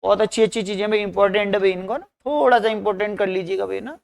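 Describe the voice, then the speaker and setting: Guy teaching exam prep in hindi, reads english lines slow then explains, smooth clear voice. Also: high voice, fairly even intonation. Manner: repeats "dhyan rakhiyega" and "bhai" often. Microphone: screen recording.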